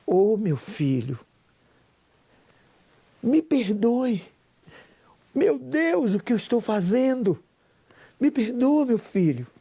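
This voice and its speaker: A man's voice: extremely high pitch, very animated, a little fast, vocal fry, darkish tone, voice pushed up, full character voice. A Brazilian man with a Brazilian Portuguese accent voicing his older mother, who is stern yet tender, in a scolding then pleading way.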